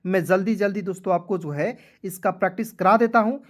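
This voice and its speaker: A man teaches a video lesson while tired. He spells words out one letter at a time, then pronounces them slowly. He checks in with his viewers often and speaks to them as friends. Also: high-pitched. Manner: keeps addressing viewers as friends, checking "clear?".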